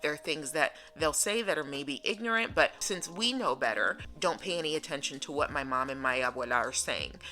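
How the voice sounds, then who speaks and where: Woman doing an easygoing young guy, calm reassuring tone, bright voice. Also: low-pitched, brisk, hardly any pauses, soft background music.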